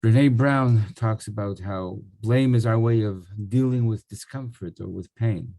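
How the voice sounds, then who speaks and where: Gravelly man giving a Torah talk. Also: lowish voice, measured pace, dark tone, no room sound. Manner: loose storytelling with fillers. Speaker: Torah teacher. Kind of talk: weekly Torah talk with stories.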